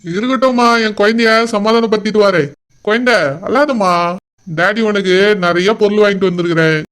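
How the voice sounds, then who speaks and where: Cartoon dad, voiced by a man, doting and soothing, high-pitched and clear. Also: a little fast, a bit bright. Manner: soothing, affectionate. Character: gentle doting middle-aged father. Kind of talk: cartoon voice acting.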